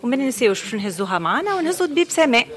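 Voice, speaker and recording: A woman's voice: sits high, sing-song, rapid-fire. A woman with a Tunisian accent giving practical beauty advice in a conversational radio segment.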